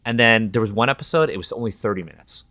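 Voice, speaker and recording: A Toronto podcast host with a Canadian accent talks quickly in a low, pushed and bright voice on a dry recording. He chats casually, candid, informal and reflective.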